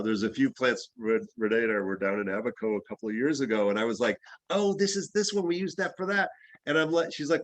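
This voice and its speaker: Speaking in a mid-range voice, a man raised in the Bahamas runs a relaxed, anecdotal herbalism class with lots of fillers and rambling asides. The recording is rough and has no echo.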